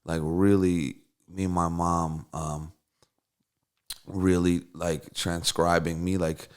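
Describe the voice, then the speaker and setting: A middle-aged songwriter and producer from Russia, a native Russian speaker, tells stories casually as an interview guest, rambling with lots of fillers and restarts. His voice is deep, smooth, slow and level in tone.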